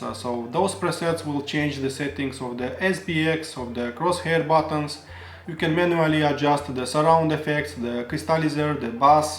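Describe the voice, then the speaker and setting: Male gear reviewer, slightly higher voice, earnest explainer, echoey room. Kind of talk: product review narration. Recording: roomy echo.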